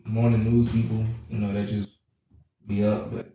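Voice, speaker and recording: A man's voice: fairly low pitch, moderate pace, distant mic. Laid-back man off-mic in an echoey room. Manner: relaxed, laughing, steering the topics. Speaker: podcast co-host. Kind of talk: casual chat.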